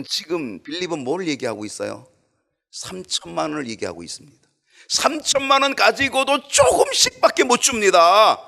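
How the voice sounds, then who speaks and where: A man delivers a Sunday sermon from the pulpit of a church. His voice is gravelly and sits a little high, and his delivery is animated, rising to loud emphasis and then dropping to a near hush. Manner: animated preaching, quick swings from loud to hushed. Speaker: pastor. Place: church sanctuary.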